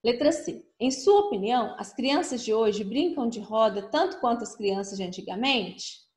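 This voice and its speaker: A slightly high-voiced woman teaching young children, reading words slowly and stretching every syllable. She patiently repeats each question in simpler words. Her voice rings in a roomy, echoing space. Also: expressive, darkish tone. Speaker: primary school teacher. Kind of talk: remote lesson walking through a workbook. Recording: echoey room.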